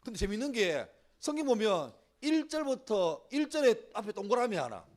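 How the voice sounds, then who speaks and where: A middle-aged man preaching to teenagers at a church retreat, switching between hushed asides and loud acted-out prayers. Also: high-pitched, moderate pace. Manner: animated, swings from hushed to shouting, acts out prayers. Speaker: youth pastor. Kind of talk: sermon. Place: church youth winter retreat.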